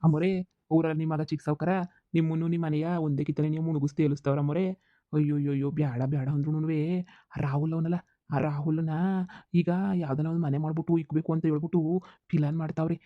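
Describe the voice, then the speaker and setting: Man voicing a fast-talking tattling farm servant. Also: on the high side, level tone, no room sound, lo-fi sound, lightly acted. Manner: deferential, tattling, rapid. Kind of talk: cartoon comedy dubbing.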